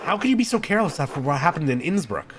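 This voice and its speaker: A man voicing a curious young artist who questions a monk, pointed and probing, with a lively lift. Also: a little high, very fast, a little hiss or hum.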